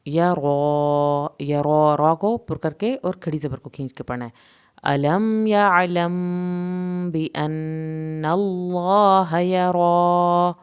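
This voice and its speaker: A woman with a Pakistani Urdu accent teaching Quran recitation rules, reciting each word slowly and then explaining it quickly. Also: low voice, a little mellow. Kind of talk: tajweed lesson.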